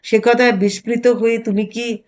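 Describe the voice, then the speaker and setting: A woman's voice: a little high, flat delivery, moderate pace, darkish tone, close to an everyday voice. A woman narrator voicing a wry older husband who teases and mocks his wife. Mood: teasing. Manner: bantering, mocking.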